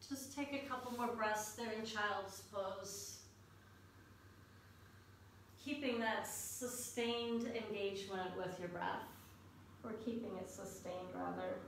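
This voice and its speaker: A woman leading a yoga class as the instructor, in a calm, unhurried, soothing guiding delivery. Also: medium pitch. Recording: echoey room, distant mic, faint noise.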